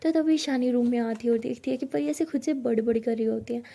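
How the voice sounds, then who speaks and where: High, gravelly woman telling a story. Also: fast talker, dark tone. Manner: chatty, often drops to a whisper. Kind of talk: casual storytelling narration.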